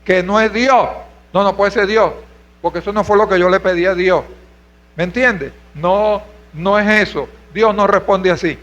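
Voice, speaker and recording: A Venezuelan man with a high, slightly bright voice preaches a sermon as a pastor at normal speed, and the recording is lo-fi. He poses rhetorical questions and calls out to the congregation with cries of "hermano" and "aleluya."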